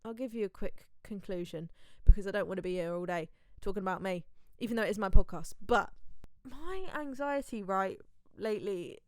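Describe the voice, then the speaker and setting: A woman's voice: medium pitch, fairly quick, darkish tone, dry recording, clean studio sound. A young woman hosting her own podcast, talking casually and candidly to listeners with lots of rhetorical asides. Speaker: podcast host. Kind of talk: casual solo podcast monologue.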